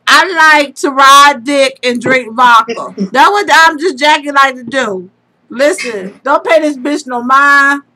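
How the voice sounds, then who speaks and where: A high, bright-voiced woman co-hosting a late-night podcast, a little drunk and loud. She talks brash and unfiltered, with a sharp edge on her voice. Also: a little slow, low-quality recording. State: tipsy. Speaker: podcast co-host. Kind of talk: raunchy casual chat.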